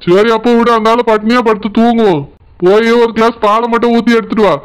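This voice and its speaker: A man voicing a calm, placating older village father-in-law with a Tirunelveli Tamil accent. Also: extremely high pitch, fast talker, background noise. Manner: soothing, placating.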